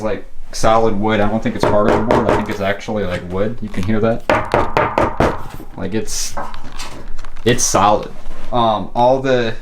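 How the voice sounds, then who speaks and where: Noisy home camera audio carries a man with a fairly low voice. He talks off the cuff as a vlogger showing his setup, loose and rambling, in a casual, laid-back manner. Small clicks sit in the background. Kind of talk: casual, unscripted show-and-tell vlog. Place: bedroom at home.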